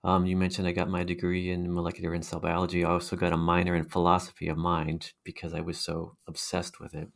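A man's voice: low-pitched, completely flat delivery, quick pace, vocal fry, few pauses. A middle-aged man with a hypnotic, mesmerizing voice, answering interview questions conversationally as a guest researcher.

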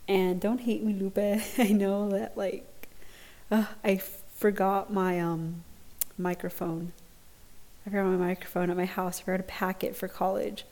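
A woman's voice: medium pitch, flat delivery, measured pace, mellow. A young woman giving a casual solo podcast update in an awkward, hesitant, self-conscious way, recorded on earphones in a dorm lounge. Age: young adult. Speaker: podcast host. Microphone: laptop recording with earphone mic.

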